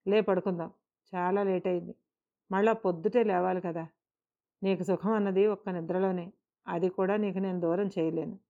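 A woman voicing a poor, gentle middle-aged father who speaks tenderly and with quiet resolve, in a read-aloud story. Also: on the low side, fairly even intonation, normal speed, natural voice. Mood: weary tender. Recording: dull lo-fi recording.

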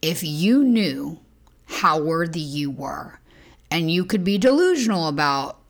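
Female podcast host, low raspy morning voice, intimate near-whisper delivery. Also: big pitch swings, measured pace. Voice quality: husky morning voice. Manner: soft and intimate, often half-whispered. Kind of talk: reflective motivational monologue.

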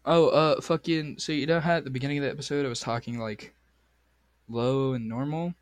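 A man hosting a podcast, chatting casually with crude, excitable banter while straining a sore voice. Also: medium pitch, a little fast, dry recording. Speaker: podcast host. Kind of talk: casual chat.

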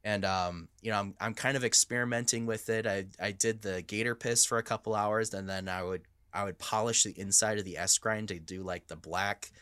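Hoarse guy, lowish smoker rasp, sweary casual chat, close dry recording. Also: steady tone, a little fast, hardly any pauses, fairly bright tone, no echo. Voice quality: rough, smoker-like rasp from coughing. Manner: informal, sweary. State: hoarse after weeks of coughing. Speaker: podcast co-host, knife maker.

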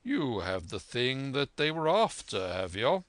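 A man voicing a calm, measured, dryly authoritative gentleman doctor in a storybook reading, composed and deliberate. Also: mid-range voice, no echo. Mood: composed, kindly. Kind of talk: audiobook character voice.

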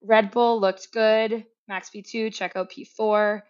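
A woman's voice: mid-range voice, flat delivery, slow. An upbeat woman co-hosting a chatty podcast, her voice sitting in an ordinary middle register. The sound is a little dull and lo-fi, as from a modest home mic. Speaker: podcast co-host. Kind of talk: casual chat.

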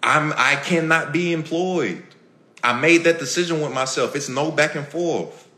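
A man's voice: fairly high pitch, unhurried, pushed and bright, reverberant. A man hosting a motivational podcast, talking straight to listeners in an emphatic, repetitive, preachy way and acting out bits of everyday dialogue. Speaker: podcast host. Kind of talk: motivational talk to a live audience.

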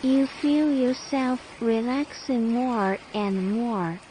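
A woman leads a guided relaxation in a soft, soothing spa manner. Her high voice is mellow and very slow. Ambient noise sits behind her. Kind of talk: guided meditation narration. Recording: noisy ambient background sound.

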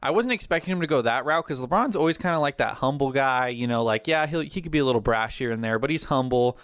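Sports podcast host, man, mid-pitched and clean-toned, talks fast and keen like a hyped-up fan. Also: clean tone, no room sound, clean studio sound. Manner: energetic, rambling, fan enthusiasm. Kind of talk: casual sports chat.

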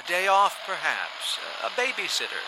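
An actor playing a cautious man gently admonishing in measured short phrases in an audio drama. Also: sits high, huge pitch swings. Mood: concerned. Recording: heavy noise and clicks.

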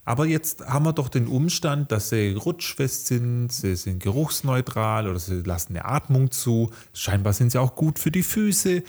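Ein Mann diskutiert als Co-Moderator in einem lockeren Podcast und zählt Argumente auf. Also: male voice, medium pitch, lively intonation, moderate pace, hardly any pauses, darkish tone. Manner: argumentative, lists points. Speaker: podcast co-host. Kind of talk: casual podcast chat.

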